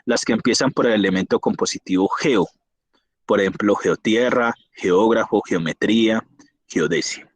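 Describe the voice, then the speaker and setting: A man teaching an online class, reading spelling rules and slowly spelling out example words. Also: fairly low pitch, slight background noise.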